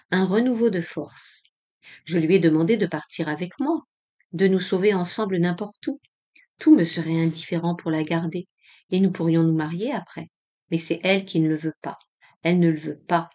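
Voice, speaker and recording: A woman reading an old diary aloud as an audiobook, in an earnest, measured way with emphatic rises. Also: lowish voice, a little mellow. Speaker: audiobook reader.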